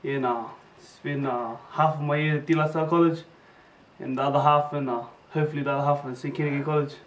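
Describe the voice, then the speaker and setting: A laid-back teenage boy with a New Zealand accent answers questions in easy slang. His voice is a touch high. He sits away from the mic in an echoey room. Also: fairly even intonation, fast, recorded from a distance. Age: teens. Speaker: interview guest, student boarder.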